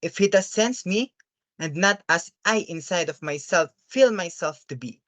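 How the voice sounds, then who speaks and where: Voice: medium pitch, lively intonation, normal speed, fairly bright tone, no room sound, natural voice. An earnest, troubled father from a stage play, as acted by a performer. He speaks formally and deferentially, hesitating and pleading. The sound is close and dry. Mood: courteous, troubled. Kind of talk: dramatic stage-play reading.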